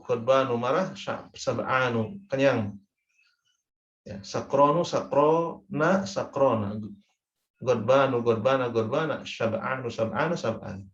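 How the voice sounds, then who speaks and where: A man's voice: mid-range voice, echoey room, dull audio. A man with an Indonesian accent teaching Arabic grammar in a recorded lesson, patiently repeating each word ending aloud.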